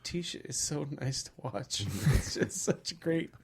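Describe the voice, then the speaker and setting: A man's voice: fairly high pitch, lively intonation, measured pace, vocal fry, slight background noise. A man co-hosting a podcast, joking and laughing in casual chat. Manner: jokey, laughs, quips. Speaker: podcast co-host. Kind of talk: casual chat about fights.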